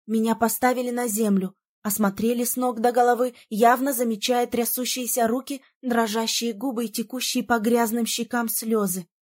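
A woman narrating a first-person fantasy audiobook in a dramatic, expressive reading. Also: on the high side, moderate pace, few pauses.

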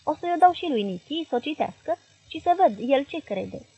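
A woman's voice: sits high, animated, warm tone, dry recording, pitched above the performer's own voice, poor audio. A woman reading the inner thoughts of a curious young man in an audiobook. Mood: wondering.

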